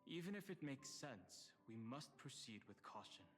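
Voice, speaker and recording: A man's voice: mid-range voice, very animated, moderate pace, faint music behind, lightly acted. A man voicing a cautious, serious older leader in a game, heard as reverby game audio. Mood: grave.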